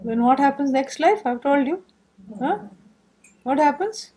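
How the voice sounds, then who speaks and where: A woman's voice: high-pitched, a little slow. A woman with an Indian accent giving an informal scripture lecture as a spiritual teacher, playful and full of rhetorical questions. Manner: animated storytelling with rhetorical questions and playful humour.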